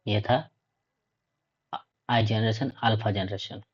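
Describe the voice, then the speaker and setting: A man's voice: fairly low pitch, flat delivery, takes it slowly, slightly rough. A man teaching a lesson, reading points aloud and explaining them, often checking in with "okay". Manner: reads points aloud then explains, repeats 'ठीक है' often. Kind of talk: classroom lecture. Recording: dull lo-fi recording.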